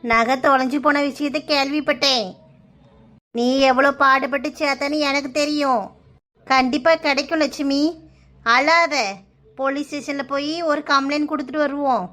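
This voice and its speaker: A woman's voice: high voice, steady tone, moderate pace, pushed and bright. A woman voicing a kindly older village woman in a cartoon, reassuring in a Kanyakumari Tamil accent. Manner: soothing, reassuring.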